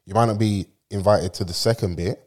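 A man's voice: fairly low pitch, steady tone, brisk, darkish tone. Slangy man in casual banter. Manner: slangy, jokey, conversational. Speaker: talk show co-host.

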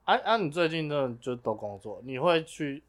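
A man's voice: fairly high pitch, lively intonation, moderate pace. A man, co-hosting a casual podcast chat, laid-back and laughing often. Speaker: podcast co-host.

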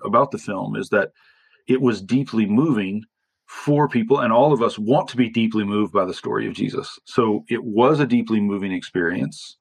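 A man's voice: fairly low pitch, creaky, slightly rough, no echo. A man, an author and theologian, talking through ideas in a reflective interview and often checking in with "right?". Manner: thoughtful, qualifying with frequent "right?".

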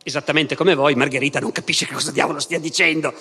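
A man, a history professor giving a lively, conversational public lecture with frequent asides. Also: on the high side, quick pace, breathy edge. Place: festival lecture hall. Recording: reverberant festival hall.

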